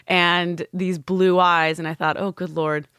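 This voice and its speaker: Woman, from California, talk show guest, low voice, dry close sound, candid, chatty. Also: flat delivery, unhurried, a bit bright, clear, resonant tone, no echo. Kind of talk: casual storytelling.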